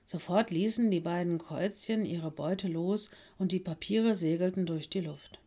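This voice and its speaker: A woman narrating a children's story in calm, clear storytelling. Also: fairly low pitch, normal speed. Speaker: audiobook reader.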